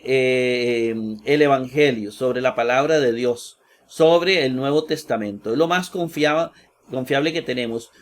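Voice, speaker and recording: A man teaching a lecture, searching aloud as he goes, often using filler sounds, correcting himself and ending sentences with a checking question. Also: fairly high pitch. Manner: unhurried, searching aloud, tags sentences with "¿verdad?"; frequent "eh" fillers and self-corrections. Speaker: biblical exegesis teacher. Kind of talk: slow screen-share lecture on Greek manuscripts.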